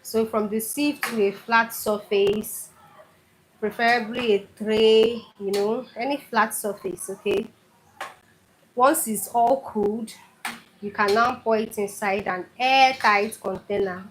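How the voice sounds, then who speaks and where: A woman's voice: a little high, fairly even intonation, takes it slowly, a little hiss or hum, poor audio. A woman with a Nigerian Igbo accent hosting a casual cooking tutorial, chatty and repeating her points for emphasis. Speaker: cooking channel host.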